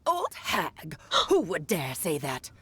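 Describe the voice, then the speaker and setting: A woman's voice: low-pitched, wildly swooping pitch, slow pace, sharp tone, husky, no echo, exaggerated voice. A woman playing a playful, grandly theatrical mage in a game, teasing and mannered as she tells tales. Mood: mock-haughty. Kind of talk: scripted game dialogue and storytelling.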